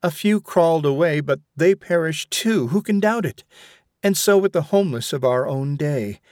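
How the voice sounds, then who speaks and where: A stern elderly woman lectures with insistent, rhetorical questions, put on by a man reading an audiobook in a raised, brighter voice. Her tone climbs and swings as she presses each point. The sound is dry and close. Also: fairly high pitch, expressive, normal speed, no room sound, voice pushed up, lightly acted. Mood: reproachful.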